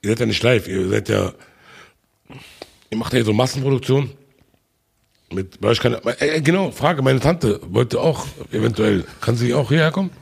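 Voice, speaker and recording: A man's voice: medium pitch, moderate pace, vocal fry, long pauses, breathy edge. A man guesting on a podcast, chatting casually and joking boisterously with a lot of laughter.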